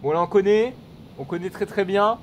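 Excitable man commentating gameplay live. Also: high-pitched, normal speed, slight background noise. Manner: excitable, swears, exclaims often; rambling with many fillers and restarts. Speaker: gaming video host.

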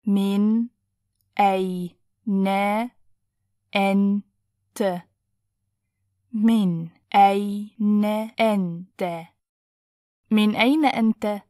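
A woman language teacher says phrases with great care and very slowly, then repeats them one word at a time. Her voice is soft and mellow. The sound is dry and close, with no room echo. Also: mid-range voice, steady tone. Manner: clear, deliberate, splits phrases into single words. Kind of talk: slow word-by-word pronunciation drill.

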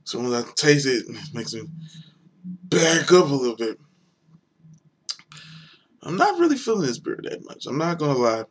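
A man's voice: mid-range voice, big pitch swings, normal speed, long pauses. A young man giving a casual, rambling beer review on video, hesitant and full of fillers.

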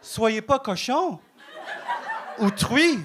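High-voiced man with a Vietnamese accent. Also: lively intonation. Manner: halting, filler-heavy, giggling delivery. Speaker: stand-up comedian. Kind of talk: stand-up set. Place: comedy club stage. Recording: noisy stage mic.

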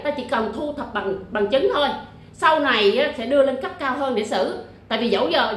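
A woman's voice: a little high, fairly bright tone, reverberant. A woman delivering an emphatic vlog monologue, full of fillers, repetitions and blunt jabs. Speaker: YouTuber discussing a legal case. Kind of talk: casual livestream-style monologue.

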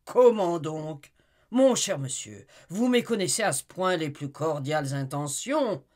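A woman reading an audiobook, voicing a despotic middle-aged husband who moves from icy politeness to shouted rage. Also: sits low, animated, a little slow. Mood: icily polite.

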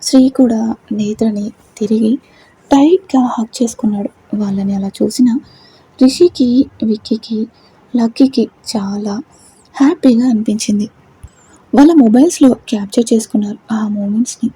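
A woman storyteller reading a serialized romance aloud with steady narration. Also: on the high side, moderate pace, pauses often, slightly rough, low-quality recording.

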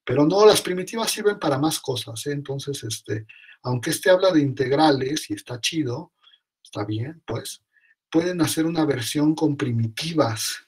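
A man's voice: a little high, animated, normal speed, husky. A man giving an informal math lecture, thinking aloud and correcting himself as he goes.

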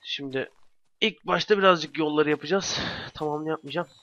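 A man's voice: on the high side, moderate pace, bright, forceful tone. A young man giving casual let's play commentary, talking to himself with bursts of exasperation. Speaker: gamer commentator. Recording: dry, dull lo-fi home mic.

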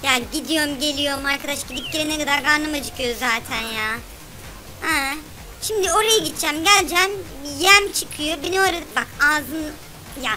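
High-voiced whiny woman gaming. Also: moderate pace, over music. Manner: whiny, complaining, excitable. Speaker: gameplay commentator. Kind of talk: playful let's-play commentary for kids.

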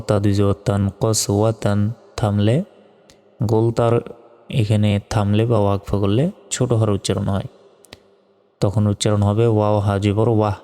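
Man, Bangladeshi accent, Quran reading teacher, slow letter-by-letter spelling, flat smooth voice, long reverb. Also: on the low side. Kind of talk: spelled-out recitation lesson.

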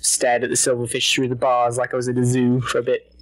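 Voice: medium pitch, fairly quick, rough recording. A speaker telling stories in a casual gaming chat, often mimicking other voices. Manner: animated storyteller who mimics voices. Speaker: guest player.

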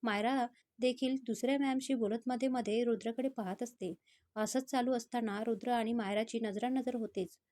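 A woman storyteller reading a romantic story in a steady, scripted narration. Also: a little high, moderate pace.

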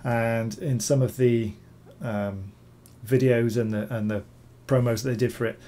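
Still hoarse after being ill, this man narrates a screen-recorded software tutorial as a bas-relief sculptor giving his review. His pitch is medium and his intonation fairly even, and he takes his time while rambling through frequent ums and repeated words.

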